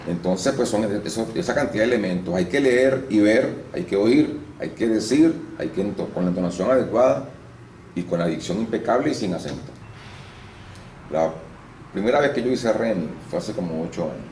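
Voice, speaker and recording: A man with a low voice speaks at a moderate pace as the interviewee in a casual interview; he's a Venezuelan actor and voice-over artist. His style is explanatory, with lively storytelling and restarts, and the recording has a roomy sound with faint noise.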